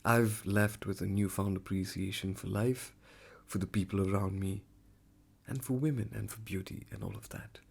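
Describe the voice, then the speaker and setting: Low-voiced man musing on his podcast. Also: steady tone, normal speed, vocal fry, husky. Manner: candid, rambling, swings between loud and murmured. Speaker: podcast host. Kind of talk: reflective solo podcast monologue.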